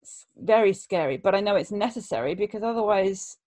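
Halting, reflective woman in conversation. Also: mid-range voice, expressive, warm tone. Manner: hesitant, halting, frequent restarts.

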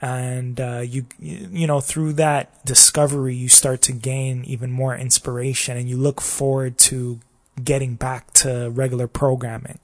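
A man's voice: medium pitch, level tone, measured pace. A man with a slightly scratchy voice hosting a casual solo podcast, talking in a rambling, reflective way and often asking "you know what I mean?". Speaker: podcast host.

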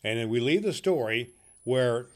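A man's voice: mid-range voice, expressive, moderate pace. A man hosting as Santa Claus, reading a classic story aloud in a folksy, chatty way and telling jokes.

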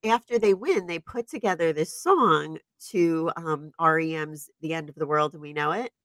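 A woman in her forties co-hosting a podcast, telling stories in an animated, casual way and laughing often. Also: sits low, moderate pace, dry recording. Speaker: podcast co-host. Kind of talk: casual chat. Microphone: podcast microphone.

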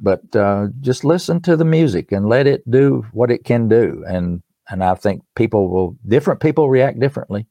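An older musician and author from East Tennessee, speaking with that region's accent, explains things in a folksy, earnest way as an interview guest in a conversational promotional chat. His medium-pitched, mellow voice is expressive and moves at a moderate pace with hardly any pauses. There's no room sound.

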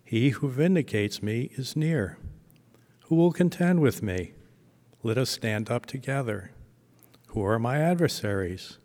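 A man's voice: medium pitch, darkish tone. Male scripture reader in cathedral echo. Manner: slow, deliberate reading. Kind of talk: reading scripture aloud. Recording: long church hall reverb.

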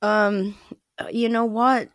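Woman, chatty guest, mid pitch, close dry mic. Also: fairly even intonation, slow pace, no echo. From US Midwest. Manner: chatty, laughs often while telling stories. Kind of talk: casual chat.

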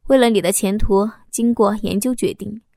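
Woman doing a middle-aged male boss, fake-polite, mellow low-key voice, dry close sound. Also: moderate pace, no echo, lightly acted. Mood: stern. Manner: smooth, falsely polite official tone. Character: stern middle-aged male bureau chief.

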